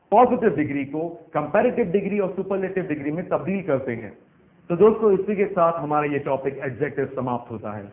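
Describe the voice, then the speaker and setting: A man teaching English grammar, spelling words out letter by letter in a slow, careful way. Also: a little high. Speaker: English trainer. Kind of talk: explanatory grammar lesson. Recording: echoey, phone-like narrow sound.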